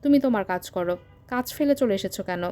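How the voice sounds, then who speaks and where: Woman reading as a sharp, irritable mother. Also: mid-range voice, animated, fairly quick, lightly acted. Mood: irritated. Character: bitter, irritable grieving mother.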